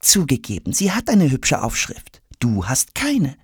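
A man voicing an eager young boy in a children's audiobook, talking in a lively way. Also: mid-range voice, unhurried, husky, no echo, clean studio sound, full character voice. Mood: teasing. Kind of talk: audiobook role.

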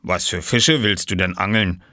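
A man voicing a kindly older farmer who talks calmly and in a fatherly way. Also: low-pitched, normal speed, dry recording, studio quality.

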